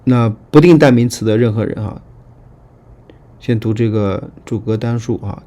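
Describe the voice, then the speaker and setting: A man teaching Greek grammar in a lecture, patient and repetitive, often checking that students follow and reading word forms aloud slowly. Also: on the low side, mellow. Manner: patient, repetitive, frequent fillers and checking questions. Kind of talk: online lecture explaining grammar.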